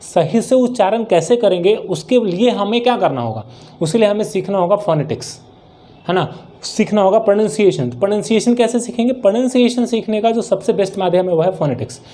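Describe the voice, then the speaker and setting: High-voiced Indian man teaching pronunciation. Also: expressive, a little fast, dark tone. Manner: asks and answers his own questions, repeats words. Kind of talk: classroom-style lesson.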